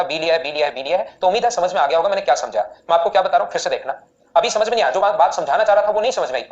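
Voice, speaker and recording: A man teaching maths in a live online class, explaining steps rapidly and repeatedly asking students questions. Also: a little high, muffled recording.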